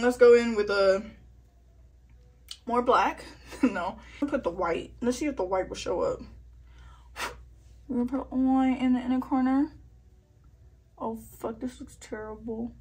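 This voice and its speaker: A woman's voice: fairly high pitch, breathy edge. A tipsy woman chatting casually through a makeup tutorial, rambling, poking fun at herself and swearing freely. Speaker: vlogger doing a makeup tutorial.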